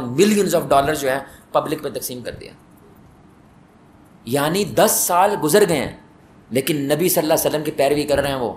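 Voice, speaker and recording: A man's voice: on the high side, echoey room. A man preaching a mosque sermon, telling stories and putting questions to his listeners, with emphatic rising peaks. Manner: storytelling, asks the audience questions, rises to emphatic peaks. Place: mosque hall.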